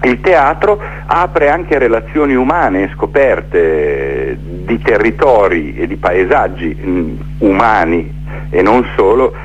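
Speaking slowly but with animation, this middle-aged man has a lowish voice, and the recording's highs are cut off under a slight background noise. He's a theatre maker in a radio interview, reflectively recounting his story in a chatty manner and building lists through repeated phrases.

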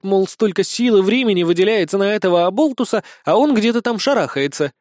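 A man's voice: high-pitched, animated, a little fast, darkish tone, no room sound, clean studio sound, voice pushed up. A man voicing a playful, confident young empress who teases affectionately. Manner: teasing, affectionate.

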